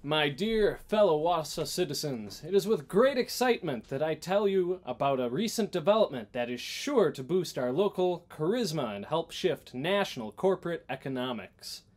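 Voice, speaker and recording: A man's voice: on the high side, animated, normal speed, hardly any pauses, a little mellow, close to an everyday voice. A man playing a pompous male small-town mayor giving a speech to citizens in a comedy sketch. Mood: grandiose.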